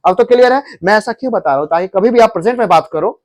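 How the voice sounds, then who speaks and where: A man's voice: high-pitched, expressive, very fast, a little mellow. A man teaching grammar to a class of students, drilling them with repeated questions. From India.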